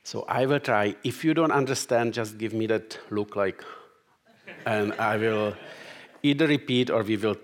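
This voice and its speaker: A middle-aged man with a clear Czech accent gives a sermon in English, his second language. He reads scripture and then talks haltingly, with frequent fillers and restarts. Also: fairly low pitch. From Czech Republic. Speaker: guest preacher. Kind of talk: sermon with Bible reading.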